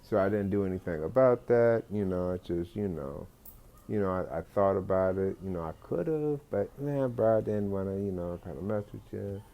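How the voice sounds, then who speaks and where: Gravelly low-voiced male storyteller. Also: normal speed, highs cut off. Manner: rambling, many fillers and restarts, animated voices for quotes. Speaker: comedic storyteller. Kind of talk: comic storytelling monologue.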